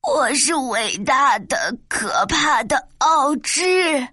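A woman reading a storybook aloud and voicing a timid, bald little old male wizard who speaks slowly with a trembling voice. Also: on the high side, lively intonation, fairly bright tone, no echo, clean studio sound, pitched below the performer's own voice. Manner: slow and trembling.

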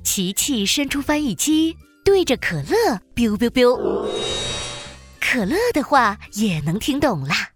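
Lively, high-voiced woman narrating children's stories. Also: takes it slowly, faint music behind. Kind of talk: animated scripted children's story narration.

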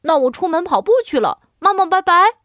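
A woman's voice: extremely high pitch, animated, a little fast, a bit bright, dry recording, studio quality, voice pushed up. A woman voicing a grumpy, pouting little boy piglet in a storybook. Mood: huffy. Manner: whiny, huffy, pouting.

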